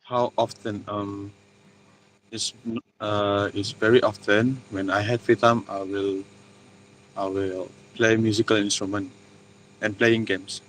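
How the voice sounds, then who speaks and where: Young man from Malaysia, interviewee, lowish voice, plain hesitant answers. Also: flat delivery, a little slow, slight background noise, rough recording.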